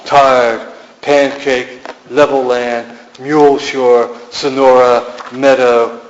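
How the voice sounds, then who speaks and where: A man's voice: mid-range voice, level tone, slow pace, slight background noise. Musing man reading poems in an echoey gallery. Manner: musing, incantatory delivery with repeated refrains. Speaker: poet. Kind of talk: poetry reading. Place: art gallery. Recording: echoey room, dull lo-fi sound.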